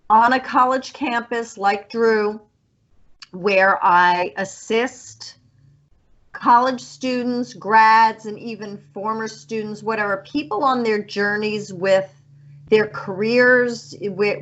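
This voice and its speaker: A woman in her fifties, a resident psychic on a college radio show, speaking slowly and earnestly in a heartfelt, rambling farewell chat. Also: mid-range voice, dull audio. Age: 50s. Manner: slow, earnest, emotional and rambling.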